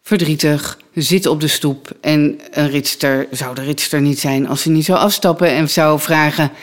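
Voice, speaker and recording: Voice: medium pitch, steady tone, normal speed. An interviewer in a conversational interview who chattily retells a story, with frequent fillers.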